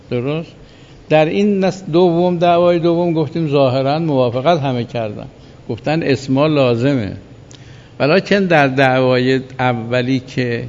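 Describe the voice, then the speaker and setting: A man's voice: medium pitch, a little mellow. A man teaching a seminary jurisprudence class, explaining step by step and checking with students whether they follow. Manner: explanatory, asks "right?" to check understanding. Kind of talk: jurisprudence lecture. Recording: dull echoey recording in a large hall.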